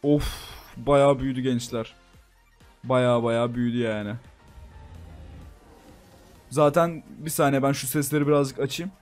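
A young man giving casual, excitable commentary as he plays a game and talks to his viewers. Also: mid-range voice, a little slow, pauses often, soft background music. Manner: excitable, talks to viewers as "gençler", frequent laughs and exclamations. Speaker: gaming YouTuber. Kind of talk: casual Minecraft let's-play commentary.

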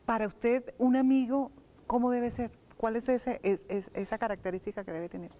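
A woman interviewer who asks measured questions and prompts her guest with short words of agreement. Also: a little high, fairly even intonation, dark tone.

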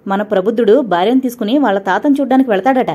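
A woman doing a loud, nagging mother-in-law. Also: fairly high pitch, expressive, fairly quick. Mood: scolding. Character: harsh scolding older mother-in-law.

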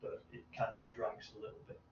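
Presenting at an informal technical seminar, a researcher in his thirties takes questions and reasons aloud haltingly. A distant camera microphone in the medium, hard-walled room yields a muffled, noisy, roomy recording.

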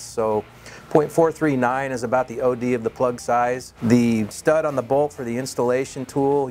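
A man, a head engine builder, calmly walks through a shop how-to demonstration in plain, measured technical terms. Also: medium pitch.

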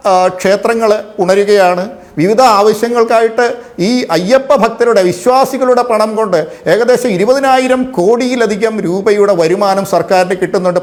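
A man making a televised political debate argument, forceful, firing off rhetorical questions between hesitant fillers. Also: sits high. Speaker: debate panelist.

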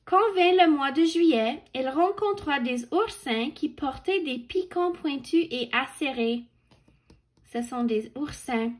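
Woman reading a picture book to children: slow, patient, slightly high, stops to explain the pictures and count along. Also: expressive. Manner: corrects her own misreadings. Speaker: children's story reader.

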